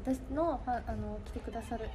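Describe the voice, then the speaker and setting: A woman's voice: fairly high pitch, fairly quick. A young woman with a Kansai accent hosting a casual idol livestream, often breaking into laughing fits. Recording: noisy livestream audio.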